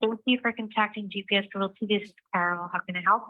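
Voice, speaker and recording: A woman receptionist speaks over a landline phone, polite and hesitant, filling her answers with ums and uhs. Her voice comes through a thin, tinny phone line with no room sound at all, and sits at a middling pitch. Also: steady tone, fast, dry recording. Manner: polite, hesitant with many fillers. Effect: heard over a landline phone line. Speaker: real estate office receptionist. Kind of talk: business phone call.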